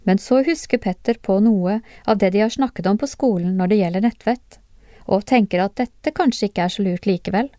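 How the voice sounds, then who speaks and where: A woman narrating a lesson in a calm, measured way, her voice mellow and soft-edged. The sound is dry and close, with no room around it, and she keeps turning to ask the listener questions. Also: medium pitch, no echo. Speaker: narrator of classroom discussion cases. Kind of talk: scripted educational narration.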